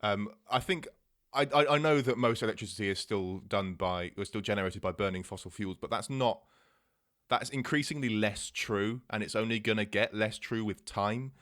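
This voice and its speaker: A man's voice: lowish voice, moderate pace, a bit bright. A man co-hosting a podcast, chatting casually about technology with many restarts and fillers. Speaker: podcast co-host. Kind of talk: casual tech chat. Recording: podcast mic.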